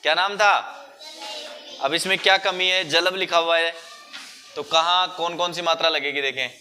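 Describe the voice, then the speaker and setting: A man teaching a primary school class, patiently coaxing the children and drawing words out slowly to show the sounds. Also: on the high side, steady tone, pushed and bright. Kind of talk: classroom lesson.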